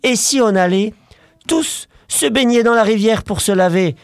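A man voicing a cheerful father in a bedtime story, speaking brightly and a little raised. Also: mid-range voice, moderate pace, no room sound, pitched above the performer's own voice, natural voice. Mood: cheery.

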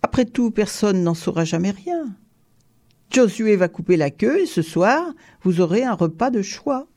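A reader voicing a jovial, scheming male count who talks cheerfully and coaxes smoothly in an audiobook story. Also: mid-range voice, expressive, unhurried, a little mellow. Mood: coaxing. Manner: cheerful, coaxing, smooth-talking. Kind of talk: audiobook reading.

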